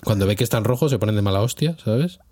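A man with an accent from Spain co-hosts a casual chat, tossing out playful exaggerations and laughing between them. His voice sits fairly low. The sound is dry and close, with no room echo. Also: expressive, very fast, mellow. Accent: Spanish from Spain. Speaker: podcast co-host.

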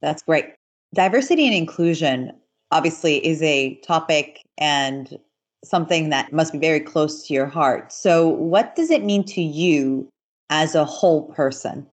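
A woman's voice: low voice, animated, a little slow, husky. A woman interviewing a guest, encouraging, asking short questions. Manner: encouraging, brief prompts. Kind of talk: conversational interview.

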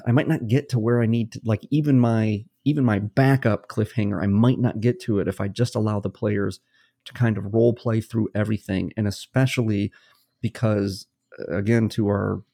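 A man's voice: on the low side, vocal fry, mellow. A man co-hosting a podcast as a game master, explaining his ideas at length in a casual, long-winded way with plenty of worked examples. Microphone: podcast studio mic.

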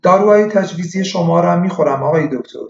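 A man voices a pious, lonely, elderly widowed woman who is a psychiatric patient, producing a fairly low, slightly mellow, pushed-up voice that still sounds natural and reads as a woman's. Weary, she sighs, speaks fatalistically and calls for her doctor son. The recording is echoey and dull lo-fi.

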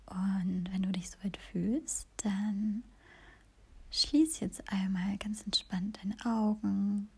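A woman whispers a guided meditation in a slow, soothing hush. Her voice is dark, with a gravelly edge. Breath carries through every word. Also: medium pitch, steady tone. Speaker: podcast host and meditation guide.

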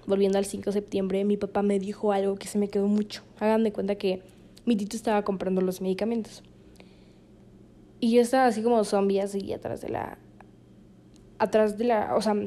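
A woman's voice: mid-range voice, darkish tone. A young Mexican woman, a podcast host, telling a personal story in casual chat, laughing often between fillers.

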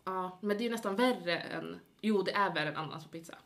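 Low-voiced woman with a Stockholm accent. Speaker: podcast co-host. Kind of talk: casual joking chat.

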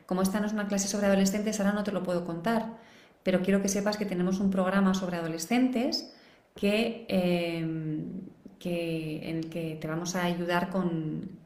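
A woman's voice: lowish voice, steady tone, normal speed, a little mellow, echoey room. A woman teaching a live online parenting class, explaining and acting out quoted voices. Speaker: parenting educator.

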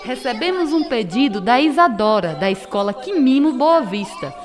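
A woman's voice: a little high, sing-song, moderate pace, over music. A woman co-hosting a children's programme as a kids show host, with playful scripted banter.

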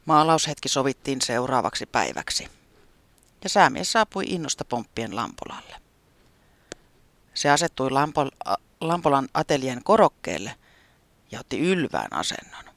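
A gentle storyteller reading a children's tale with lively, expressive pitch. At times the voice drops to a soft whisper, and the recording is close and dry. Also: dry recording.

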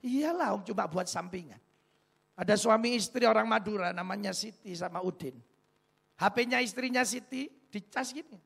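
A man preaching in a high, gravelly voice with a husky edge. He mixes jokes with rhetorical questions to his congregation, building a lively, engaging sermon. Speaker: pastor.

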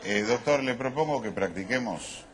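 An actor playing a smug, pedantic scholar in a live comedy sketch, lecturing about pronunciation. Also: male voice, mid-range voice, expressive, natural voice. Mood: pompous. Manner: pompous, lecturing, drawn-out pronunciation. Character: pedantic learned male scholar, smug and fussy. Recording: live show with background noise.

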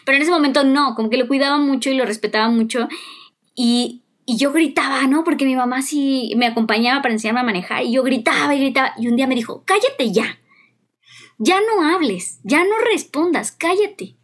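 A woman chats casually as co-host of a podcast. Her voice sits fairly high. She tells stories with animation and acts out the voices of the people she quotes. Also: fairly even intonation, quick pace. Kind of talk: casual chat.

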